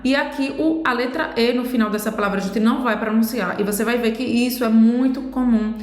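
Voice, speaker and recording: A woman's voice: fairly high pitch, fairly quick, a little mellow. Patient woman teaching pronunciation, echoey. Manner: patient, explains step by step. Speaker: French teacher. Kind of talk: pronunciation lesson. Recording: echoey room.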